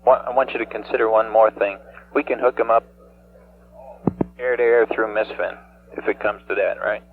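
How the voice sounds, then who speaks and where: A man's voice: on the low side, fairly even intonation, moderate pace. A man acting as flight director, talking technically and insistently over a mission control radio loop. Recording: noisy, humming, phone-like radio loop.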